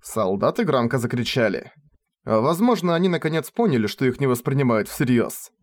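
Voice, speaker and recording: A man narrating a fantasy novel as an audiobook, with expressive intonation. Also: medium pitch, a little fast.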